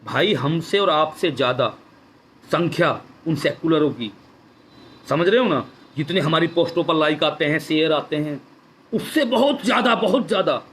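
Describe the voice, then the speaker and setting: Fervent male activist, high voice, live-stream address over a phone mic, faint hiss behind. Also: lively intonation, normal speed, a bit bright. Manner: fervent, repetitive, rhetorical questions. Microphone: phone or webcam for a live stream.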